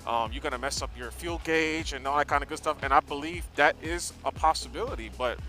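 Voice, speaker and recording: A man's voice: a little high, fairly quick, bright, forceful tone, soft background music. An American man chatting casually from inside his motorcycle helmet as he rides, rambling and correcting himself in an easygoing way. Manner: talking from inside a motorcycle helmet while riding. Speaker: motorcycle vlogger. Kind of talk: casual rambling ride-along chat.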